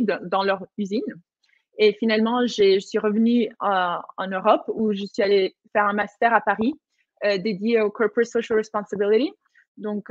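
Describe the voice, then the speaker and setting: On a video call for an online panel talk, a young Malagasy social entrepreneur speaks as a panel guest in a mid-range voice. She's hesitant, filling gaps with lots of fillers while she hunts for words. There's no room sound, though the audio is dull and lo-fi.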